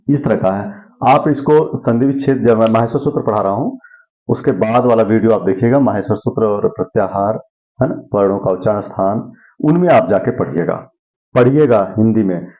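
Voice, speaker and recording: A man's voice: on the low side, mellow, muffled recording. Man teaching Sanskrit grammar, quizzing aloud. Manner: asks questions and answers them himself. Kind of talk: classroom lesson.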